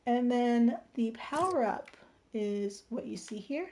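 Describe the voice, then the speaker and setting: Speaking slowly and expressively in a slightly high voice, a woman on a late livestream teaches viewers a game-building tool step by step, often checking "right?" or "okay?". She's informal and soft-toned, though her voice is a little hoarse and strained.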